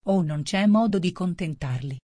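A woman's voice: on the low side, animated, moderate pace, warm tone, no room sound, studio quality. A woman voicing a frantic, sleepless pigeon guarding its eggs in a storybook reading, distressed and complaining. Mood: distraught.

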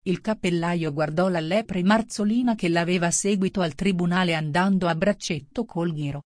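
A woman narrating a children's classic as an audiobook, reading in a measured, even way. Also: fairly low pitch, no room sound, clean studio sound. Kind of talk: scripted storybook narration.

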